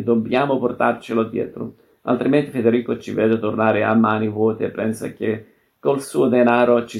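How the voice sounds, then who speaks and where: A man reading aloud the lines of a quick-tempered adventurer, sounding exasperated. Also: mid-range voice, vocal fry. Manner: shouting, exasperated.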